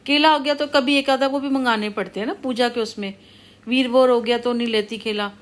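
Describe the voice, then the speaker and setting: A middle-aged woman speaks to her viewers in a loose, unscripted monologue. Her voice sits a little high, and she scolds, rambles and circles back to the same warnings again and again. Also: fairly even intonation, fairly quick. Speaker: vlogger. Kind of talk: casual monologue to camera.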